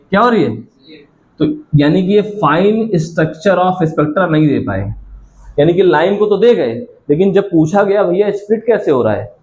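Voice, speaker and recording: A man's voice: high-pitched, darkish tone, a little hiss or hum. A male science teacher giving a classroom lecture, repeatedly asking students questions and answering them himself, calling them child affectionately.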